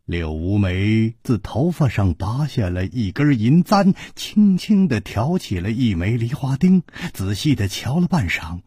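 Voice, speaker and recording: Man, radio storyteller, husky, low voice, slow, dry close recording. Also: dry recording. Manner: expressive, unhurried narration.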